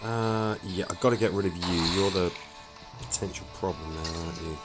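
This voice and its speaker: Playing a strategy game, a streamer chats casually in a voice that sits low, keeping a moderate pace. His let's-play commentary involves thinking aloud with small restarts, over background game music on a rough recording.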